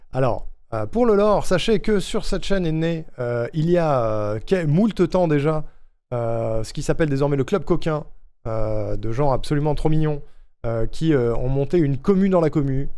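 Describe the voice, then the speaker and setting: A man's voice: medium pitch, warm tone. A man thinking aloud on stream. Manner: halting, thinking aloud, lots of fillers. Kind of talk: casual live-stream chat.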